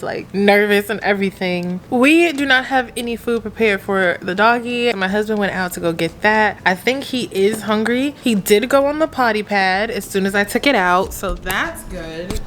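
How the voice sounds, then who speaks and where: A woman's voice: mid-range voice, fairly bright tone, slight background noise. A woman hosting a casual home vlog, talking to the camera and cooing at her puppy in a sing-song voice. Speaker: vlogger host. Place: at home indoors.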